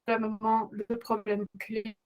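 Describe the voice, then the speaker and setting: This middle-aged woman, a non-native French speaker, hosts a webinar as a parenting coach. She talks a little slowly in a slightly high, monotone voice, earnest yet hesitant and heavy on filler sounds.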